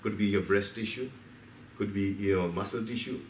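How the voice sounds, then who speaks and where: A man's voice: on the low side, moderate pace. Guy telling a story to a crowd, echoey hall, a bit far off the mic, faint background noise. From India. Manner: storytelling, asks the audience questions, acts out his cells. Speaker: seminar speaker. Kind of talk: live talk to an audience. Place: meeting hall. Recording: roomy hall from a distance, faint ambience.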